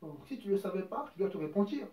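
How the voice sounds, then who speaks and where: A man's voice: sits high, very animated, fast, recorded from a distance, lo-fi sound. A man preaching an informal sermon, emphatic and repetitive, quoting scripture at length. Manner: emphatic, repeats words, quotes scripture at length. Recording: roomy echo, voice from off mic.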